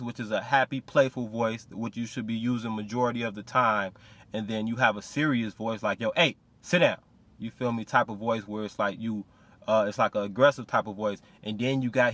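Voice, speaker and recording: Excited man breaking down a clip. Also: medium pitch. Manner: excited, keeps saying "you feel me" and "bro". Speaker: video commentator. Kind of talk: reaction commentary.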